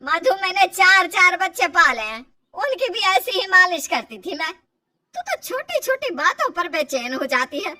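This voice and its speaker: A woman voicing a stubborn, old-fashioned mother-in-law who talks loudly and dismissively in a storybook tale. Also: extremely high pitch, very animated, normal speed, no room sound, studio quality, faint music behind, voice pushed up, exaggerated voice. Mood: scolding. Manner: loud, scolding, dismissive.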